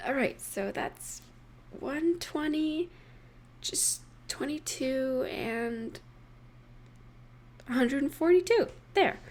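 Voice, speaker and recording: A woman acts out the part of an affectionate girlfriend in an intimate roleplay audio, and the performance is heavily acted. Her voice is somewhat high, and she speaks very slowly with pauses, gently and playfully teasing her partner.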